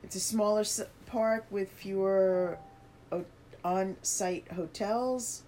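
A woman co-hosting a podcast reads a news article aloud, tossing in casual asides and fillers, all while she has the hiccups. Her mid-range voice is steady, slow and mellow, with slight background noise.

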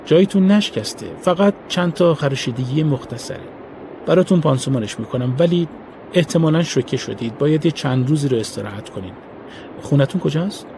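A man voicing a calm male doctor who speaks in a matter-of-fact, reassuring way. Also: fairly high pitch, noisy background.

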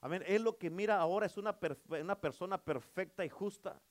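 A man preaching, his voice sitting a touch high for a man. He pushes his points hard, calls out for amens from the congregation and swings from near-shouts down to quiet, pressing asides. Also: brisk. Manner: emphatic preaching with call-and-response, swinging between loud and soft. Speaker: pastor. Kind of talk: sermon.

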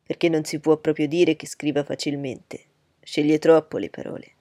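A woman voicing a cheerful, emphatic young gentleman. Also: low voice, flat delivery, normal speed, no room sound, studio quality. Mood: protesting. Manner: emphatic, good-natured protesting.

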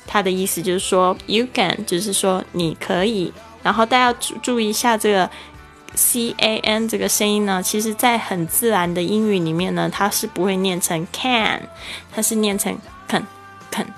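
A woman teaching an English podcast lesson, spelling words out letter by letter and repeating phrases slowly. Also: medium pitch, fairly bright tone. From Taiwan.

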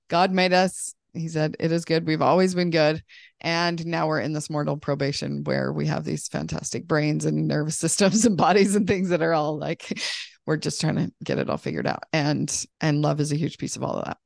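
A woman with a notably low voice, speaking as a guest on a podcast. Her voice is dry and close, with no room sound, and she talks in a bubbly, talkative way. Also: moderate pace, creaky, no room sound. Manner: bubbly, talkative, laughs often. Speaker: podcast guest, life coach. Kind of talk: casual podcast chat.

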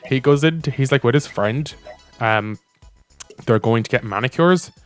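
A man's voice: medium pitch, a little slow, faint music behind. A man co-hosting a casual chat, rambling and full of fillers as he retells and reads stories. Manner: rambling, filler-heavy with lots of "like". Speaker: co-host reading stories.

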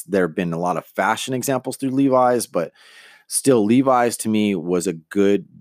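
A middle-aged podcast host gives a casual monologue on personal branding in a low voice, recorded with clean studio sound and no room noise. He rambles earnestly and motivationally, with many fillers and restarts.

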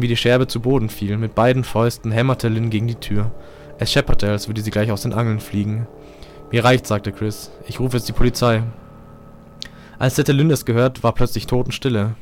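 A man, the host of a podcast, reading a first-person horror story aloud in a dramatic, steady way. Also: medium pitch.

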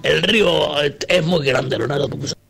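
A man's voice: a little high, a little fast. A man playing a crude, rambling Argentine bloke stuck on the road, in a comic radio phone-in bit with an Argentine accent. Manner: rambling, swearing, slips into rough shouting.

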